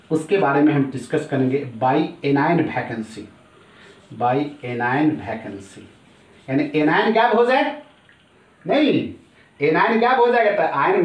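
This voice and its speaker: Middle-aged male chemistry teacher, chatty, repeats terms, slightly high voice, echoey room, distant mic. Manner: chatty, repeats terms, addresses students as sir. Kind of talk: classroom lecture.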